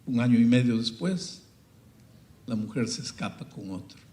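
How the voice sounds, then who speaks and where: A man preaching a sermon, swinging dramatically between hushed and loud passages. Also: medium pitch, expressive, moderate pace, echoey room.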